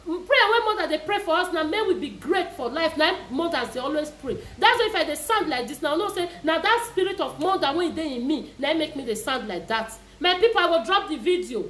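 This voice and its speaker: Woman, Nigerian Pidgin accent, vlogger, preachy scolding, high voice, echoey room. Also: expressive, fairly quick, few pauses, a bit bright. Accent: Nigerian Pidgin English. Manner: scolding, preachy, then affectionate. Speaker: vlogger commenting on a viral video. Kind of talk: casual commentary to subscribers.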